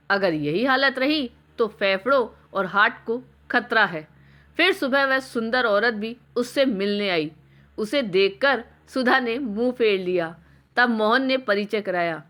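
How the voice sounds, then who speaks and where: A woman narrating a scripted family story in a measured, emotive way. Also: a little high, animated, a bit bright.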